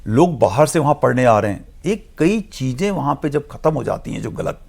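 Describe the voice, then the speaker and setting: A man with a gravelly, creaky voice at an ordinary middle pitch, talking as a studio guest analyst. He explains earnestly and with emphasis, dropping English phrases into his sentences. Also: sing-song, fairly quick, darkish tone.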